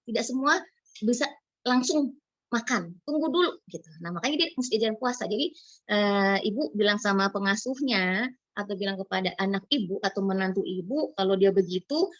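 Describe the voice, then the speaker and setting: A woman's voice: medium pitch, lively intonation, fairly quick, no room sound. A woman psychologist explaining child development in an online talk, acting out parents and children in little quoted lines. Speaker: psychologist speaker. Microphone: video call. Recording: dull lo-fi video call audio.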